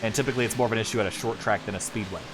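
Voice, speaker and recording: A man calling sim racing play-by-play as lead commentator, quick and building excitement during the action. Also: on the low side, music in the background.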